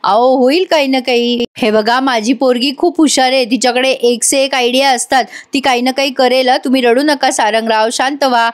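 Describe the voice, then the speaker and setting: Woman reading evasive middle-aged father-in-law, soothing, high-voiced. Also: steady tone, normal speed, few pauses, dry recording, studio quality, lightly acted. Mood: pleading. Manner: pleading, soothing.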